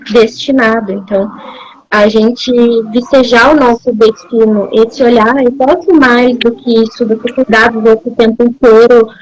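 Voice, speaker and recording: She is a Brazilian woman who hosts a live talk. Her voice is a touch high, and she speaks earnestly and reflectively in measured phrases. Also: darkish tone, poor audio. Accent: Brazilian Portuguese. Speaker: host of a women's live talk.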